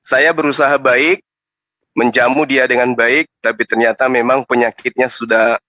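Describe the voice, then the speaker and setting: A man's voice: mid-range voice, little pitch movement, moderate pace, bright, forceful tone, no echo. A man hosting a live online debate, mocking and taunting his opponent over a video call. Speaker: live stream host.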